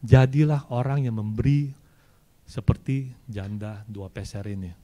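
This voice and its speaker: A man's voice: mid-range voice, unhurried, warm tone. A male preacher giving a sermon at a streamed church service, slipping into everyday slang and acting out people's prayers and excuses in shifting voices.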